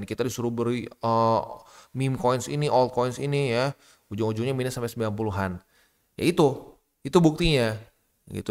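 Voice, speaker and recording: A man's voice: medium pitch, a little mellow. A man hosting a crypto channel, giving blunt, slangy, scolding market commentary.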